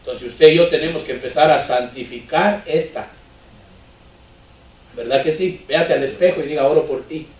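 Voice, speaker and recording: Man, pastor, sermon, rhetorical questions, fairly high voice, echoey church, distant mic. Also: normal speed, long pauses. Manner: conversational preaching with rhetorical questions. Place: church hall.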